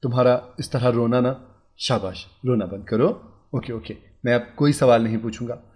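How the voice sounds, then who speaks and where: Brief: anxious young husband, soft and coaxing, mid-pitched storybook voice, by the narrator. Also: male voice, normal speed, close to an everyday voice. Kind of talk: storybook character voice.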